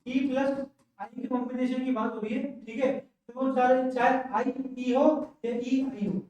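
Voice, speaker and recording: A man teaching English pronunciation in a classroom lesson, slowly repeating each word twice for learners to echo. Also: extremely high pitch, steady tone, a little mellow. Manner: says each word twice, slow drilling. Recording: very echoey room, voice from far off.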